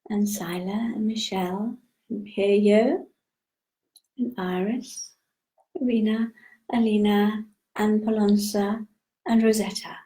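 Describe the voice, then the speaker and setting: An older woman hosting a live spiritual session, talking gently and unhurriedly as she greets viewers and explains her topic. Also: mid-range voice. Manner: slow, gentle, unhurried, with frequent pauses.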